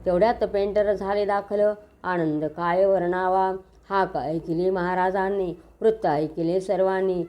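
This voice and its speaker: A woman with a Marathi accent reciting devotional scripture verses in a steady sing-song reading, with small slips and restarts. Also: mid-range voice.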